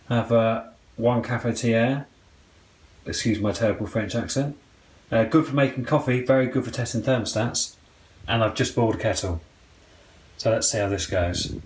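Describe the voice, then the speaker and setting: A man's voice: medium pitch, slight background noise, poor audio. A man giving casual, self-deprecating how-to commentary as he works on a repair, thinking aloud with frequent ums. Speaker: DIY mechanic vlogger.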